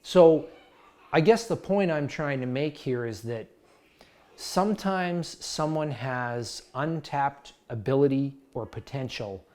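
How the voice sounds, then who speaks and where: A man's voice: mid-range voice, a little mellow. A man in his thirties, a sports blogger, talking through a season preview in a scripted vlog, earnest and story-driven with a dash of self-mockery.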